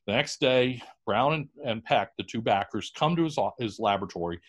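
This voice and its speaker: Guy lecturing on an inventor, super lively pitch, chatty storyteller. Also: brisk. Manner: animated, informal, acts out quotes.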